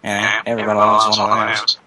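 A man's voice: on the low side, monotone, a little fast, recorded from a distance, a loud crowd, lightly acted, rough recording. A man putting on an exaggerated posh British accent, talking primly while gaming. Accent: put-on posh British. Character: posh, exaggerated young Englishman. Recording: loud background noise.

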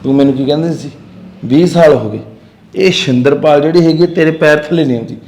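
An actor with a Punjabi accent playing a boastful, scheming village husband who brags loudly and mocks his wife. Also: a little high, fast talker, slight background noise, lightly acted. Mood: mocking. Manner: swaggering, loud boasts, mocking. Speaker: actor in a short film. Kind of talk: village drama acting.

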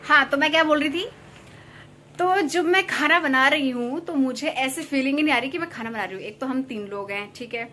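A woman's voice: sits high, fairly quick, pushed and bright, slight background noise. Chatty young woman vlogging while cooking. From Uttarakhand, India. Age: young adult. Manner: chatty and rambling, with many fillers. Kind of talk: casual chat while cooking. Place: home kitchen beside a window onto a busy highway. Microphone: fixed camera placed in the kitchen.

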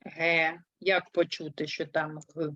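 Female grade-school teacher, very slow and deliberate delivery, dull dry lo-fi recording. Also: low voice, little pitch movement, sharp tone, dry recording. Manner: slow, spelling words out syllable by syllable; patient, explaining step by step. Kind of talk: third-grade language lesson.

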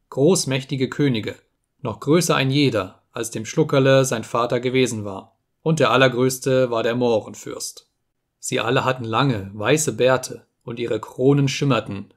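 A man reading a story aloud as an audiobook narrator, calm and measured, slowing on solemn phrases. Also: medium pitch. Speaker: audiobook reader.

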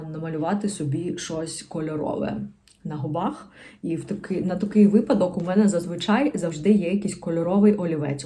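A woman's voice: on the low side, mellow. A woman beauty vlogger in a casual show-and-tell chat to camera, chatty and rambling with slangy asides.

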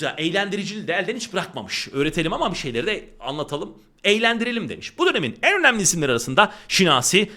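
A man's voice: high voice, bright, forceful tone. A male literature teacher giving an exam-prep lesson, talking emphatically and repeating warnings to his students.

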